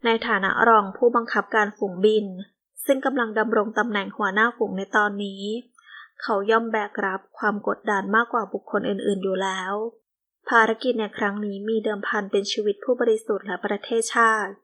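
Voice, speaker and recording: Female narrator, steady storytelling read, audio novel. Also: mid-range voice, fairly quick. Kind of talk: scripted narration.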